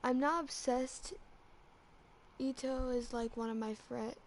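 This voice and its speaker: A woman chatting casually as a fan vlogger, rambling and excitable with lots of restarts, her voice cracking slightly from being sick. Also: high-pitched, slow, slight background noise. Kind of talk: casual chat.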